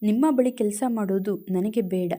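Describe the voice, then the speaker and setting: A woman's voice: medium pitch, moderate pace, dark tone, lightly acted. A woman voicing a tearful, frightened young woman who speaks in a choked, trembling voice.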